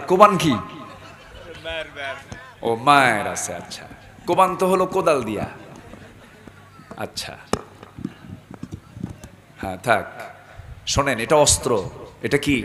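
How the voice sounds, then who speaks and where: A man's voice: mid-range voice, a bit bright. A man preaching a fiery sermon to a crowd, demanding call-and-response and dropping into joking asides. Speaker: preacher at a waz gathering.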